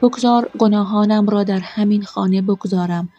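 An actress voicing an affectionate young bride in an audiobook drama, gentle and warm. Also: female voice, mid-range voice, fairly even intonation, highs cut off, lightly acted. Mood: tender.

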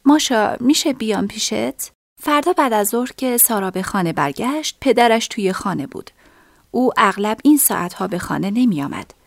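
A woman narrating a story in a soft, half-whispered reading voice. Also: medium pitch, lively intonation, no echo, clean studio sound.

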